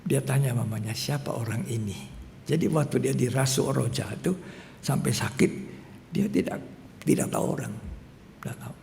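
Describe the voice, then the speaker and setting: A man preaching a sermon as pastor, telling stories and swinging from loud exhortation to hushed, near-whispered asides. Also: normal speed, gravelly, pauses often. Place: church hall. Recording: long church reverb, faint rumble.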